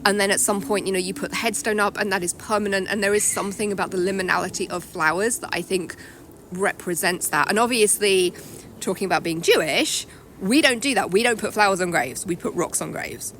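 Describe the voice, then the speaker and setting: A woman's voice: mid-range voice, fairly bright tone. Woman out of breath, chatty and explaining stuff, outdoors with faint traffic hum. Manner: thoughtful, explanatory, quick to laugh. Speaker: author guest. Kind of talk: casual interview walking outdoors. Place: outdoors in a cemetery, traffic nearby.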